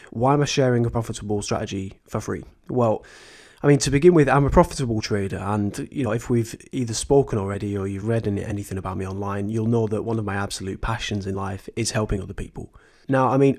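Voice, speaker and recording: A man talks through his trading method in a chatty, earnest tutorial, restarting phrases now and then. His voice sits fairly low and sounds a little croaky from a sore throat. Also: darkish tone. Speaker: trading educator, channel host.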